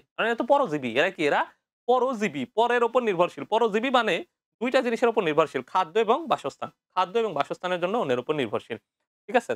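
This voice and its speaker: A young man lectures on biology at a rapid clip, his voice sitting a little high for a man. He keeps firing questions and answering them himself, repeating key terms. The sound is dry and close, with no room around it. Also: dry recording. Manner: lively, repetitive quizzing, asks and answers his own questions. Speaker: biology tutor. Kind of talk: online exam-prep lecture.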